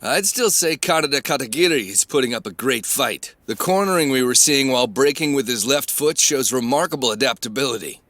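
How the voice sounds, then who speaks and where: Man playing a composed anime race analyst, medium pitch. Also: lively intonation, noisy background, close to an everyday voice. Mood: reflective. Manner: measured, thoughtful. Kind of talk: anime dub broadcast commentary.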